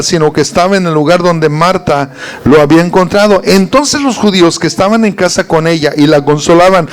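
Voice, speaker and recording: Higher-voiced man teaching Bible study. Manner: reads verses aloud, then quizzes listeners with rhetorical questions. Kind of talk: informal Bible teaching to a group.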